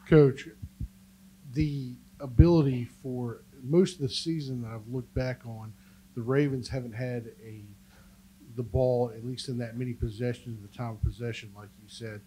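A male reporter asks a long, wandering question that loses its thread partway through. His voice is mellow and dark, with faint room noise behind it. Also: medium pitch, steady tone, moderate pace, low-quality recording. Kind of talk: press conference question.

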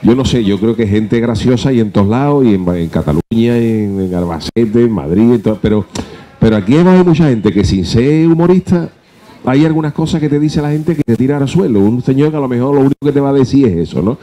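A man's voice: medium pitch, lively intonation, a little fast, mellow. A man on a panel, speaking thoughtfully and hesitantly, repeating words as he thinks. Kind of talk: reflective panel talk.

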